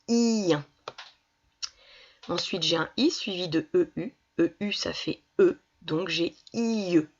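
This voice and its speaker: A woman's voice: fairly low pitch, fairly even intonation, normal speed, hardly any pauses, breathy edge. A woman primary school teacher giving a reading lesson to young children, patiently sounding out syllables. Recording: dull lo-fi recording.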